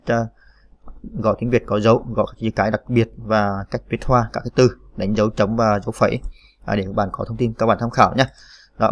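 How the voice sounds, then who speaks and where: A man's voice: lowish voice, vocal fry, no echo. A man hosting a computer typing tutorial, spelling out keys letter by letter with frequent "à" fillers. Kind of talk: screen-recorded typing tutorial.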